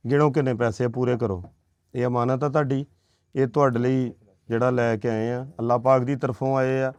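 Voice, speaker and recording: A man's voice: medium pitch, little pitch movement, normal speed, a little mellow, no room sound. A man talking earnestly to a family as he hands over aid money, reassuring and preachy, often checking with short questions. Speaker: charity worker handing over aid. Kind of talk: earnest on-camera talk.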